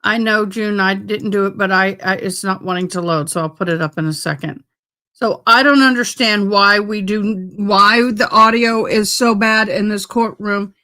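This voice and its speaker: A woman's voice: medium pitch, moderate pace, sharp tone. A woman hosting a livestream, chatting casually and informally to her viewers in a folksy way. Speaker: livestream host.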